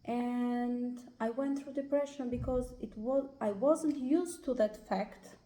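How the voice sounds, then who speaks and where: Slow, hesitant Albanian-accented woman. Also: fairly high pitch, mellow. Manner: hesitant, many pauses and "uh" fillers. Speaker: guest. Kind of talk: personal life story in an interview. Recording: roomy echo.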